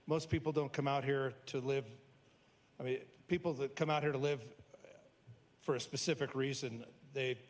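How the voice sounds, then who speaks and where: A man of middle pitch speaks as a resident during public comment. He makes his case earnestly and in a measured way, often restarting his sentences. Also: fairly even intonation.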